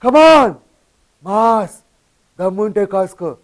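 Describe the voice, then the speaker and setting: A man in a comedy skit playing an eager would-be mimicry artist who bursts into loud, shouted movie-hero dialogue. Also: high-pitched, expressive, takes it slowly.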